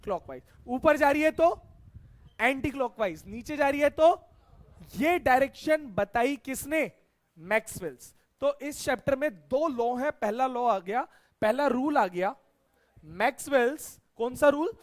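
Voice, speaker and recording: A man's voice: very high voice, animated, unhurried. A middle-aged man teaching a science class, asking his students questions and repeating the key answers back to them.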